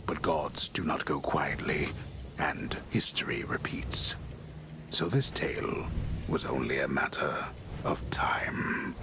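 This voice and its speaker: Very deep, whispery myth storyteller. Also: male voice, expressive, takes it slowly, full character voice. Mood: grave, ominous. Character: grave male storyteller of ancient myth. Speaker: narrator. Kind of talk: solemn storytelling narration. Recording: music behind the voice.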